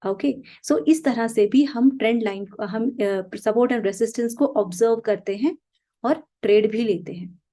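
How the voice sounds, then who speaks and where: Mellow woman teaching chart trading. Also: fairly high pitch, normal speed. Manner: patient, repeats "okay" and asks herself questions. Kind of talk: explaining trading concepts over charts.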